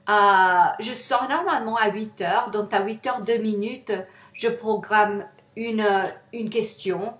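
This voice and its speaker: A woman's voice: mid-range voice, slow pace, fairly bright tone. A woman with a non-native accent gives an informal motivational self-help talk as an author, often searching for words. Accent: foreign, non-native French. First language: not French. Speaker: author presenting her self-help manual. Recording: echoey, roomy sound.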